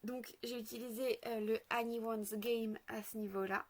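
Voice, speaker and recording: A woman's voice: a little high, level tone, measured pace, a little mellow. A woman chatting through a casual makeup tutorial, hesitant with lots of fillers, a bit sick. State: sick, occasional coughing. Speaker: makeup vlogger.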